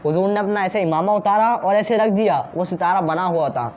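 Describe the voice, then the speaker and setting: A man's voice: high-pitched, normal speed, a little mellow, muffled recording, slight background noise. A man preaching a devotional sermon with fervour, using rhetorical questions to stir his listeners. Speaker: Islamic preacher.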